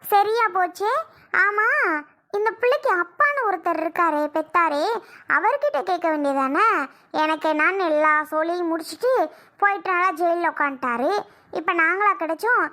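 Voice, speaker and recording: A bright, piercing voice carries this sarcastic aunt by marriage, played by a woman, who is quick to accuse in a family drama skit. She is high-pitched and cutting. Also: animated, exaggerated voice. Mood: bitter. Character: sharp-tongued scolding aunt by marriage.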